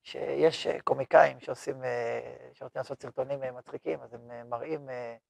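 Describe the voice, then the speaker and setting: A man gives a religious lesson to his students in a rough, gravelly voice with a breathy edge. He sits close and dry on the recording, with little room sound. He tells everyday stories, plays both sides of the dialogue, and keeps asking the class questions. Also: medium pitch, no room sound. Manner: animated storytelling, acting out short dialogues; asks the class questions and answers them. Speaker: yeshiva head teaching a class. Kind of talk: spoken Torah lesson.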